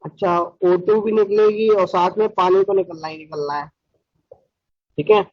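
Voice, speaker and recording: A man teaching an online chemistry lecture in a brisk, scolding way, urging students to answer fast. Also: sits high, fairly even intonation, no echo. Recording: dull, dry lo-fi sound.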